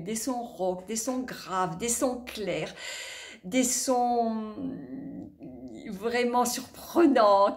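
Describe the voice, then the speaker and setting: A woman narrating a storybook tale in an expressive, partly whispered way. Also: fairly high pitch.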